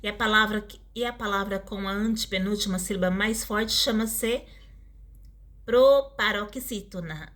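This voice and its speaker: Female teacher, mid pitch; talks through lesson casually and draws out example words. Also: fairly even intonation, sharp tone. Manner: stretches out example words slowly, tag questions.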